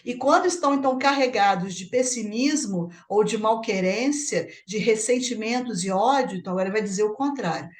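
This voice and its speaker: A Brazilian woman hosts a spiritist book study, reading out passages and explaining them in her own words. Her voice sits a little high for a woman, and she keeps turning to her partner to confirm a point. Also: a little fast, few pauses. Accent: Brazilian Portuguese. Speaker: study group host.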